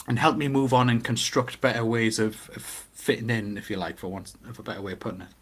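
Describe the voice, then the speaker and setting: A middle-aged man with a Geordie accent from Newcastle chats casually and shares his opinions animatedly, acting out quotes and asking rhetorical questions as he tells stories. His voice is medium-pitched with a breathy edge, and he talks fast.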